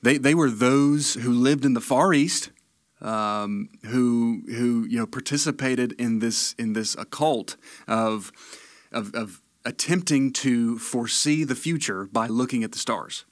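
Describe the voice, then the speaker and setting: A man's voice: mid-range voice, measured pace, no room sound, studio quality. A man from Tennessee with a Tennessee accent, hosting and teaching the Bible in a casual storytelling way, often repeating words.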